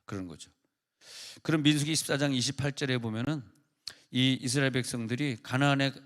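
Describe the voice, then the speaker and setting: Conversational middle-aged-sounding male pastor preaching. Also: medium pitch. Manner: conversational preaching with anecdotes and acted quotes. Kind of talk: sermon. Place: church revival service.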